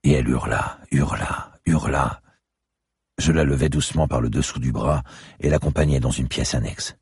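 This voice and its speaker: A man giving grave, steady first-person narration of a dark thriller audiobook. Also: extremely low pitch, moderate pace, slightly rough, dry recording, studio quality.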